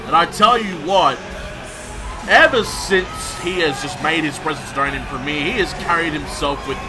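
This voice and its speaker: An excitable male wrestling play-by-play announcer, acted out by a man with a high voice. He delivers dramatic sports commentary over a loud music bed. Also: moderate pace, lightly acted. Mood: earnest, impressed.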